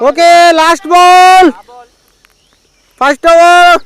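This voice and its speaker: Man, Telangana accent, very high pitch, bright forceful tone, informal ball-by-ball cricket commentary, exclamatory. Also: fairly even intonation, slow pace. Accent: Telangana Telugu. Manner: exclamatory, often repeats calls.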